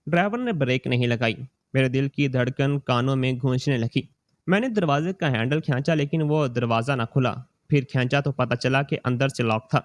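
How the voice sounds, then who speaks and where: A man reading a scripted moral story in the first person, slow and steady. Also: medium pitch, no echo.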